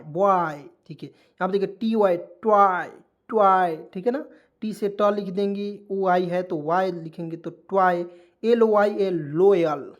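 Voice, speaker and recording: A man teaching English pronunciation in a video lesson, spelling words out letter by letter, asking questions and answering them himself, and calling his viewers friends. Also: high-pitched. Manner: calls viewers friends, tags lines with okay. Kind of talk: spoken tutorial lesson.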